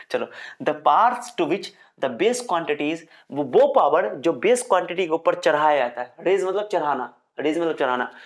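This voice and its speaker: A young man teaching physics. He explains step by step, repeats his questions, answers them in his students' voice and reads English definitions out slowly, sounding a little low on energy. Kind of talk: recorded classroom lecture.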